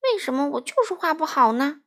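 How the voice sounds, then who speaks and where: A woman voicing a frustrated, quick-tempered young male frog in a children's storybook, with shouty, sulky complaints. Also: high-pitched, expressive, voice pushed up, full character voice. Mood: angry, frustrated.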